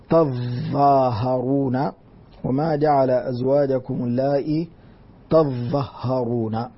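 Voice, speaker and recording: Husky man teaching Quran exegesis. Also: medium pitch, lo-fi sound. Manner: methodical, repeats words slowly to teach readings.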